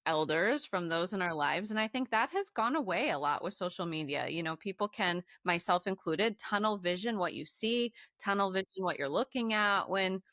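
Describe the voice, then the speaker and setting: A woman's voice: medium pitch, expressive, moderate pace, few pauses, a bit bright, no room sound, clean studio sound. A woman in her forties, a life coach, talking on a podcast in an enthusiastic, affirming way. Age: 40s. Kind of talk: casual conversation.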